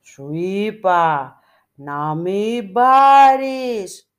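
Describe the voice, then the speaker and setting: A woman voicing a man hidden behind an icon, who thunders slow commands as if the icon spoke. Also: medium pitch, lightly acted. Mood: stern. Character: man hiding behind an icon, booming like a holy voice.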